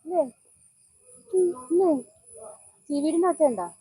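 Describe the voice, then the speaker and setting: A woman's voice: extremely high pitch, very animated, unhurried, dark tone. A woman reassuring and coaxing her small son as they walk through a wooded park. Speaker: parent talking to her young son.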